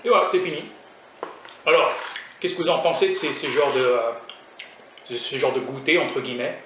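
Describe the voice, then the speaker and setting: A man's voice: mid-range voice, normal speed, a bit bright, distant mic. A young man from France chatting casually in a food vlog, hesitant with many fillers and restarts, joking at his own expense. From raised in France. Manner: self-mocking humor. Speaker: food vlogger. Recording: echoey room, voice from off mic, faint noise.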